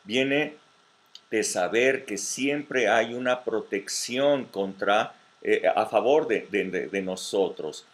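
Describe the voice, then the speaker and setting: A man's voice: lowish voice, takes it slowly. A man pastor leading a virtual Bible study sermon, with many hesitations and repeated words, who checks in with his listeners. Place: virtual meeting.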